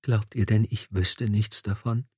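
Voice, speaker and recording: A man's voice: fairly low pitch, steady tone, unhurried, darkish tone, breathy edge, no echo, clean studio sound. A man voicing a weak, feverish noblewoman who pleads in a breathless whisper, in an audiobook. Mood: tender. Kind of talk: audiobook dialogue.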